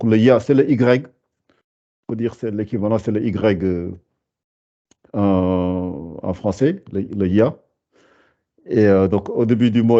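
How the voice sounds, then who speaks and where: A man teaching a beginner lesson over a video call, patient, hesitant and full of fillers, drawing out syllables slowly. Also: lowish voice, mellow, highs cut off. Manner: hesitant, many fillers and restarts. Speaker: Arabic teacher.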